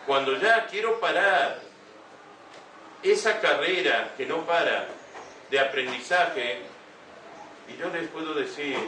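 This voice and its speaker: A man's voice: a little high, takes it slowly, long pauses, pushed and bright, a little hiss or hum. An older man giving an earnest talk to a young audience, often asking rhetorical questions. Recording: echoey room heard from a distance.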